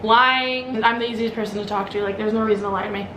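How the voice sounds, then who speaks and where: A woman's voice: medium pitch, steady tone, quick pace. A woman in her early twenties with an American accent, chatting casually and a bit ramblingly as she answers questions about herself in a vlog. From Omaha, Nebraska, United States. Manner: informal, rambling, frequent "like". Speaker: vlogger. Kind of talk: casual get-to-know-me Q&A vlog. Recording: roomy echo, clear background noise.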